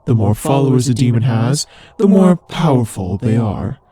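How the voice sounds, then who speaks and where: A man voicing a haughty, teasing demon lord in an ASMR roleplay, imperious and condescending, with a husky voice. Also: mid-range voice, very animated, normal speed, mellow, a little hiss or hum. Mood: imperious, menacing. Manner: imperious, condescending, playfully taunting. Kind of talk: ASMR roleplay audio drama addressed to the listener.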